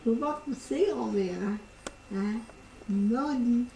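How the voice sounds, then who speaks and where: A woman's voice: a little high, takes it slowly, mellow. An older woman, a grandmother, cooing repetitive sing-song baby talk to an infant at home. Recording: roomy home camcorder audio with faint noise.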